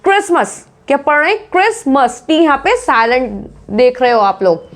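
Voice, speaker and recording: A woman's voice: high voice, very animated, moderate pace. A woman teaching English pronunciation, who drills each word and asks and answers her own questions. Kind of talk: spoken English lesson.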